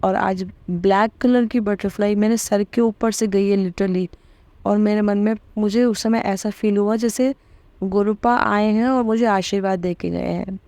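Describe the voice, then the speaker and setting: Devout woman sharing, warm mellow voice. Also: medium pitch, fairly even intonation, measured pace, no echo. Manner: emotional, repeating words of thanks softly. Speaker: devotional satsang host. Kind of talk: devotional testimony talk.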